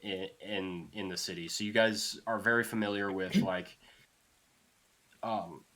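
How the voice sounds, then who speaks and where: A man's voice: sits low, steady tone, measured pace, pushed and bright. A man narrating as dungeon master of a tabletop game, casual and loose, swearing now and then.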